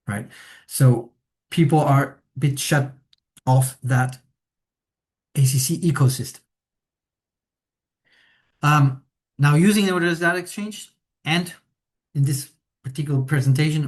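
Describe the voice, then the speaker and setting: This software webinar features a Chilean-born implementation consultant guiding viewers through a presentation. He speaks mid-range and haltingly, with lots of fillers and tag questions tacked onto his sentences.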